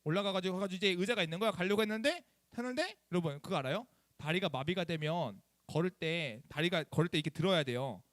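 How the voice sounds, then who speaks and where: Animated young male youth pastor. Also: sits high, quick pace, few pauses, dry recording, clean studio sound. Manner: animated, chatty, asks the students questions. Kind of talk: lively youth sermon storytelling.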